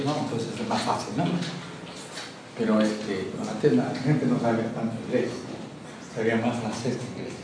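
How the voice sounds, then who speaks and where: A man gives a rambling, friendly classroom lecture, chuckling at his own jokes and checking in with his listeners. He sounds far from the mic in a very echoey room. Steady background noise runs under the recording. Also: mid-range voice. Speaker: teacher of Sanskrit and language.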